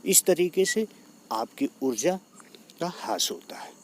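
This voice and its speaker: A man teaching yoga in a steady, explanatory talk, going back over his key points. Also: high-pitched, measured pace, vocal fry, slight background noise.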